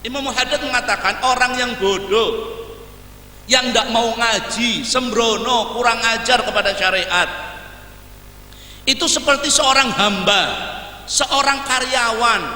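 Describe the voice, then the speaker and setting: A man's voice: very high-pitched, measured pace, pauses often. A man preaching a sermon in a conversational teaching style, acting out everyday scenes and mixing in Javanese and Arabic phrases. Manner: animated, acts out everyday scenes. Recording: echoey hall, voice from far off, faint hum.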